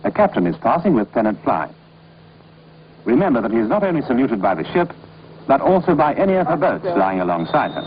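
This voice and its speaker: This man's voice sits in the mid range, with big swings in pitch and a fairly quick pace. He delivers scripted training-film narration formally and authoritatively, in an instructive tone, on a muffled and noisy old film soundtrack.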